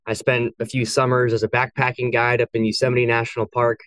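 A young man from California, an engineer and company co-founder, telling his background in a measured, steady way on a podcast. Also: medium pitch, no echo. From California, USA. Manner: measured, steady storytelling with "you know" fillers. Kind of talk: casual podcast interview.

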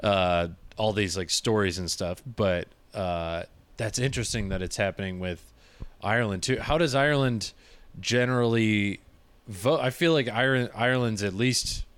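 Laid-back male host, somewhat low pitch, conversational. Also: normal speed, fairly bright tone, clear, resonant tone. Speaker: podcast host. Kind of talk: casual podcast chat.

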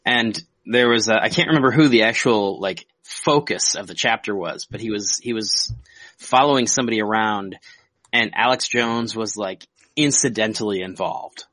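Gravelly, low-voiced man podcasting while sick. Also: normal speed, pushed and bright, no room sound. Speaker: podcast co-host. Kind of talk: casual podcast chat.

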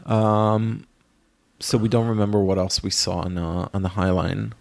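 A man's voice: lowish voice, flat delivery, normal speed, creaky, darkish tone, dry recording. A man co-hosting a podcast, chatting casually and gossiping dryly with frequent fillers and restarts. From New York. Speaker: podcast co-host.

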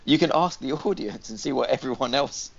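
A man's voice: medium pitch, brisk, creaky. A man co-hosting a podcast, casually chatting about games in a questioning, teasing way. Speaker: podcast co-host. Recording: dull lo-fi podcast audio.

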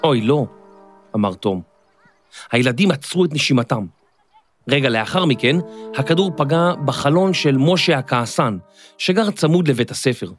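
A man narrating a scripted children's story in a clear, expressive storytelling manner. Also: mid-range voice. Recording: dry studio, faint music.

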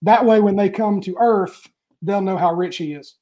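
A man talks casually on a podcast, with a mellow, darker voice. He chats through his explanations and adds asides as he goes. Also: high-pitched, normal speed. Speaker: podcast co-host. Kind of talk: casual chat.

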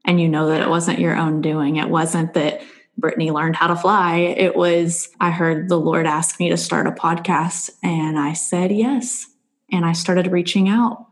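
A woman's voice: on the low side, little pitch movement, moderate pace. A woman hosting a faith-based podcast interview, talking in an earnest, reflective way. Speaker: podcast host.

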